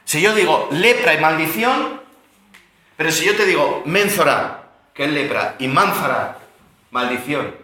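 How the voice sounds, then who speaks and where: A man's voice: on the high side, animated, unhurried, bright, forceful tone. A male pastor giving a Bible study lesson, explaining words and quizzing his listeners. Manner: explanatory, asks the audience questions. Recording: very echoey room.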